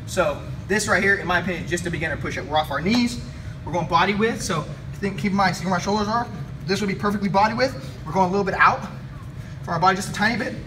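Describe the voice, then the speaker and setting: In a weight room, a young man gives chest workout instructions while lifting, speaking fast and with plenty of energy in a high-sitting voice. The sound is distant camera audio from a mic a few feet off, with room noise.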